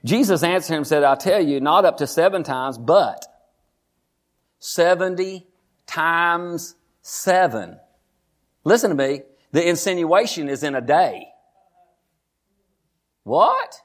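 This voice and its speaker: A man preaching a sermon. He repeats phrases for emphasis, calls the congregation honey and rises in pitch as he drives each point home. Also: lively intonation, a little fast, few pauses.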